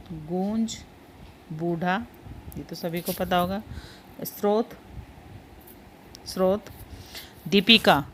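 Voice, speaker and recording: A woman's voice: lowish voice, slight background noise. A woman teaching a Hindi spelling lesson. She says each word, repeats it, and patiently points out which ones are important.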